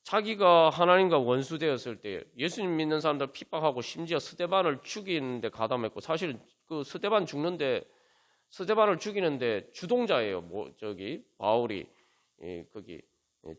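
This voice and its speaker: A man's voice: fairly high pitch, big pitch swings, normal speed. A man pastor preaching at a Friday prayer meeting in church, asking many rhetorical questions and using frequent fillers.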